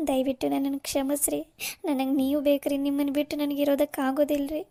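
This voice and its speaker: A woman's voice: high-pitched, completely flat delivery, fast talker, mellow. Woman voicing a tearful, repentant cartoon wife. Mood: tearful pleading. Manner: tearful pleading. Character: young repentant wife, begging forgiveness.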